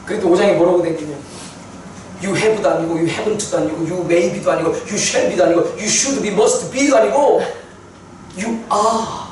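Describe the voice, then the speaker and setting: A man preaching a sermon testimony, telling his story with animated repetition for emphasis. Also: high voice, slow pace, a little hiss or hum. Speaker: pastor. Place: church sanctuary. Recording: echoey church hall from far off.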